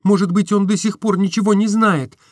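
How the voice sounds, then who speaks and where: A man's voice: high-pitched, steady tone, moderate pace, dry recording, studio quality, voice pushed up, lightly acted. A man voicing a tearful, pleading young woman. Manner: breathless, imploring questions.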